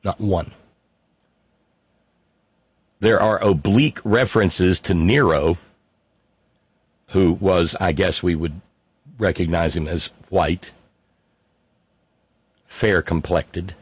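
A deep, husky-voiced man reads viewer comments on his live stream in a loose, wry monologue thick with fillers and restarts. He goes slowly and pauses often. The recording has no room sound.

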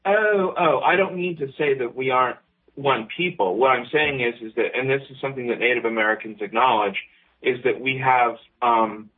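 Guy calling in on speakerphone, thin phone-line sound, lots of ums, mid pitch. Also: normal speed. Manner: hesitant, many ums, explanatory. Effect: on speakerphone over an internet call. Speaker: caller. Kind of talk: call-in radio talk. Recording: tinny phone-like call line.

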